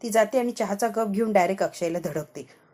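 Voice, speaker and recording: A woman narrating an episode recap in a chatty, lively way. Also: medium pitch, fairly quick.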